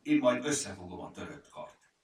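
A man voicing a know-it-all, bossy male storybook creature who lectures others and shouts crossly. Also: sits low, very animated. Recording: echoey room, far from mic, faint hiss.

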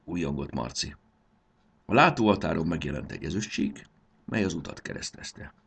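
A man narrating a children's story in an expressive, animated reading. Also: rumbling low, gravelly, slightly rough. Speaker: audiobook narrator.

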